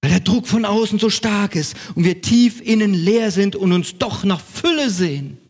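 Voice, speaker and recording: A man's voice: high voice, animated, normal speed. A man preaching a sermon in German as pastor of his congregation, with an emphatic, repetitive cadence.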